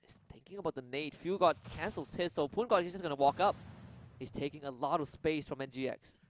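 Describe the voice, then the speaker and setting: A man's voice: on the high side, fairly quick, a little hiss or hum. A man co-casting an esports match, explaining and reacting to the plays in live analysis.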